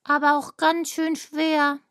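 Woman doing a stubborn little woodworm boy for a kids' audio play, high voice, sulky. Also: monotone, slow pace, a bit bright, dry recording, clean studio sound. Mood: thoughtful. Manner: defiant, sulky. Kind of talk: children's audio drama.

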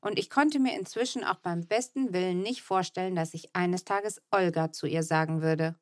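A woman's voice: on the low side, normal speed, no room sound, clean studio sound. A woman narrating a children's book in the first person, telling the story evenly and tenderly. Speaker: audiobook narrator.

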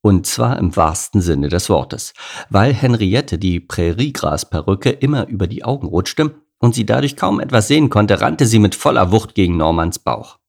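A man narrating a children's animal story as an audiobook, reading lively and expressively. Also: on the low side, normal speed, vocal fry.

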